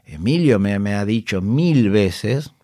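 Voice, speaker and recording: A man's voice: on the low side, slow, no echo, studio quality. An actor and comedian with a Rioplatense Spanish accent, telling backstage anecdotes in a casual podcast chat, acting out his colleagues' voices. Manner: animated, acts out voices of colleagues, laughs often. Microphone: studio microphone.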